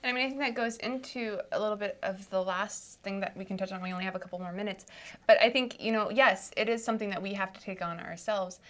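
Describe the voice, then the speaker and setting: A woman's voice: mid-range voice, fast, fairly bright tone. A young woman leading a casual Bible study discussion, chatty and full of "like" and "you know", often affirming the others. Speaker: discussion leader.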